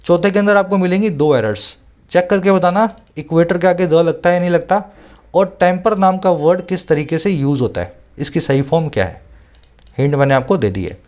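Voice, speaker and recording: A man working as an English tutor, explaining vocabulary and grammar to exam students in Hindi mixed with English terms. He reads English text out slowly and keeps checking whether the students follow him. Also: high-pitched, a little mellow. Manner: asks frequent rhetorical check-ins.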